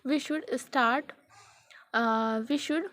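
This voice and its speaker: A young woman with an Indian English accent talks through an informal English lesson in a high voice. She speaks slowly and pauses often, filling the gaps with "uh", restarting sentences and checking in with "okay". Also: a bit bright. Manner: halting, many fillers and restarts, repeats "okay". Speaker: English learning vlogger. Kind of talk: casual spoken lesson.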